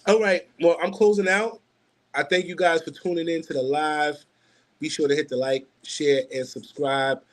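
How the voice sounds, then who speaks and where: Man, 40s, livestream host; loose, rambling chat with lots of fillers, voice sits a bit high. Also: fairly even intonation, moderate pace. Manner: rambling, many fillers and restarts.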